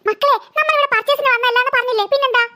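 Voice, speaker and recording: Performer doing weary cartoon mum reasoning with kids, high bright voice. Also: rapid-fire, exaggerated voice. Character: tired mother short of money.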